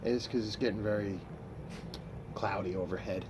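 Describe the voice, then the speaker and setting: A man in his fifties chatting casually and unhurriedly, with pauses, as he smokes a pipe that is often in his mouth. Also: on the low side, steady tone. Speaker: pipe tobacco reviewer. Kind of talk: casual vlog chat. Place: outdoors by a house with trees. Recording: clear outdoor ambient noise.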